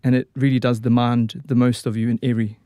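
A man talks easily as an interview guest, his voice mellow and warm. He circles back with fillers and restarts, and the sound is dry and close. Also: mid-range voice, little pitch movement, quick pace, clean tone, no room sound. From New Zealand. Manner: chatty, frequent fillers and restarts. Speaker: opera tenor guest. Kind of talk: casual radio interview.

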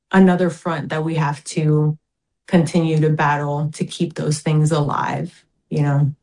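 A woman's voice: deep voice, a little mellow, rough recording. Earnest woman from American Samoa. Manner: earnest, measured, speaks with pride of her home. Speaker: interview guest, community advocate. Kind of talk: interview answers.

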